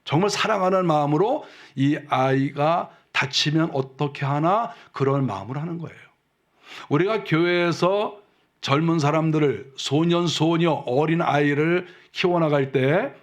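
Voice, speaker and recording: Korean pastor, conversational sermon. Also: male voice, normal speed. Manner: conversational preaching with rhetorical questions; acts out quotes softly and lower.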